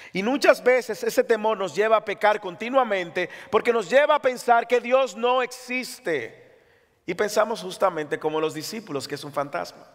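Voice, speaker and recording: A man's voice: high voice, in a large hall. A man preaching an impassioned sermon as pastor, reading scripture aloud. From Latin America.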